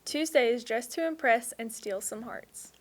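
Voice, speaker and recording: A woman's voice: on the high side, normal speed. A teenage girl anchoring a student news show, upbeat and playful. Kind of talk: scripted school news reading.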